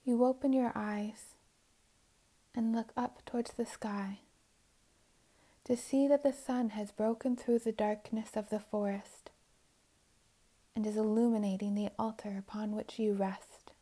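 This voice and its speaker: A woman guiding a meditation in a soft, soothing voice, often drifting into whispers. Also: mid-range voice, steady tone, a little slow, pauses often. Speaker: meditation guide. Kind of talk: guided meditation narration.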